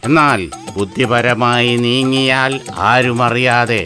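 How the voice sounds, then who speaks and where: Sly cartoon fox villain, drawling quack-seller patter, man voicing, unhurried, over a music bed. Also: mid-range voice, flat delivery, lightly acted. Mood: scheming. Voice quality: sly sing-song hawker's patter.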